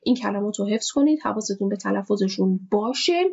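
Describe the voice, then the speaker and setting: A woman teacher giving a vocabulary lesson, explaining words slowly and repeating each one with its meaning. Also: medium pitch, expressive, gravelly, darkish tone, slightly rough. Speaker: English teacher. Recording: dull lo-fi recording.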